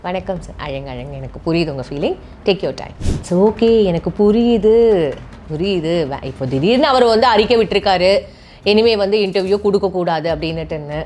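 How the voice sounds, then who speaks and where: A woman's voice: fairly low pitch, expressive, fairly quick, a little mellow, a little hiss or hum. A woman interviewing a guest. She comforts him in a mocking way and adds dry, teasing asides. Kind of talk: mock-sympathetic interview.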